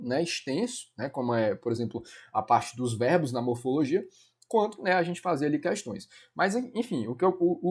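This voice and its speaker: A man's voice: on the high side, darkish tone. A man with a Brazilian Portuguese accent teaching a Portuguese grammar lesson for an exam, chatty and informal, peppering his explanations with "né" and addressing students as "galera". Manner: casual, addresses students as "cara" and "galera", many fillers like "né".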